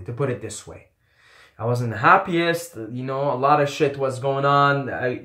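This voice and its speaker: With a mid-range, fairly bright voice, a young Qatari YouTuber who speaks Arabic as his first language shares a personal story. It's a candid, rambling vlog full of casual swearing and repeated phrases, recorded in an echoey room.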